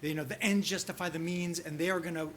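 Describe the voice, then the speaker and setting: Halting, higher-voiced man presenting a workshop. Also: steady tone, fairly bright tone, slight background noise. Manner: halting, heavy use of "you know" and restarts. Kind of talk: conference teaching session with case discussion.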